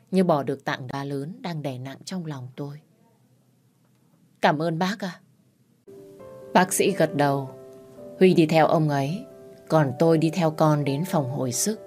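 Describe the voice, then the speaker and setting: A woman telling a first-person audio story in a soft, subdued narrating voice. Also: low-pitched, normal speed, faint music behind.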